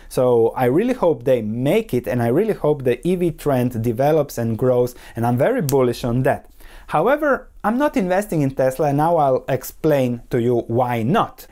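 A man's voice: a little high, mellow. A man from Croatia hosts a solo investing podcast, talking analytically and posing rhetorical questions that he answers himself. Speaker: podcast host.

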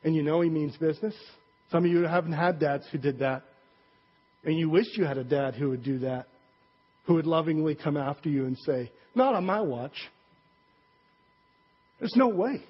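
Male pastor, conversational sermon with jokes and asides; husky tone, lo-fi recording. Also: on the high side, fairly even intonation, brisk. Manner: conversational, joking, many fillers and asides. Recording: dull recording with long hall reverb.

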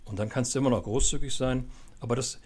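A man giving calm, explanatory advice in a casual chat, often ending points with tag questions. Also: mid-range voice, fast talker.

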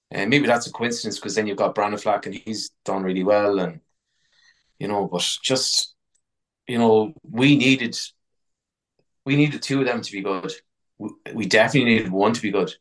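A man's voice: lowish voice, low-quality recording. A man with an Irish accent in casual sports discussion, blunt, sweary and frustrated. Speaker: football podcast panellist.

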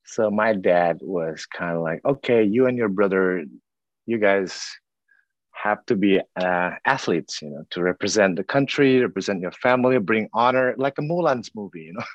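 Man, 40s, from Indonesia, interview guest, halting casual talk, dry dull recording. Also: fairly low pitch, expressive, no room sound. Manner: halting, restarts, frequent "you know".

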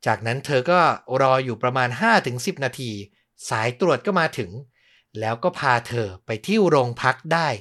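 A man's voice: medium pitch, big pitch swings, normal speed, fairly bright tone. A man hosting a podcast, telling a true-crime story in a conversational way and adding his own comments.

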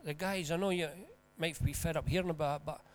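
A man with a broad Scottish accent preaching informally, telling stories in an earnest, colloquial and animated way. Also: a little high, quick pace. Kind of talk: informal conversational sermon with storytelling.

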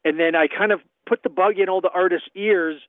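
Male guest musician, high-ish voice, tinny phone line, easygoing rambler. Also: steady tone, brisk, no room sound. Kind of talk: casual interview chat. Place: home in northern Canada.

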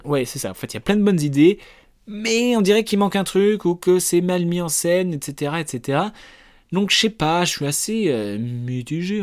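A man's voice: high-pitched, a little mellow. A man, reviewing films in a casual, rambling way with many fillers and restarts. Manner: rambling, hesitant, with many fillers and self-corrections. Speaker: film reviewer.

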